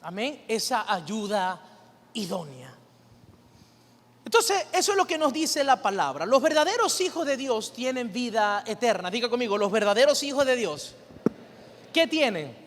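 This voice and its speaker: High-voiced male pastor preaching. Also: sing-song, normal speed, a bit bright. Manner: preaching with rhetorical questions and call-and-response. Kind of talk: sermon. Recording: long reverb of a church hall.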